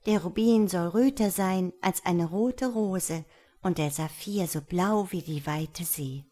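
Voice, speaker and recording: A woman's voice: slow pace, warm tone. A woman reading a fairy tale aloud and voicing a kind-hearted, loyal little female swallow in a raised, pleading voice. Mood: tender. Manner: high pleading storytelling voice.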